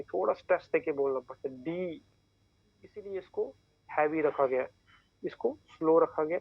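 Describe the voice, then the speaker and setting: A man's voice: fairly high pitch, dry recording. A man teaching a shorthand class, explaining each symbol step by step and checking in often with his students. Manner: patient, repeats points, keeps checking in with "theek hai". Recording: tinny phone-like dry sound.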